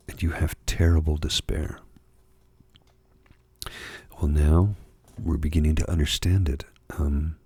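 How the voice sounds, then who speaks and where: A middle-aged or older man with a husky, gravelly, rumbling low voice delivers a soft-spoken, confessional ASMR monologue. He confides haltingly and reflectively, with no room sound in the recording.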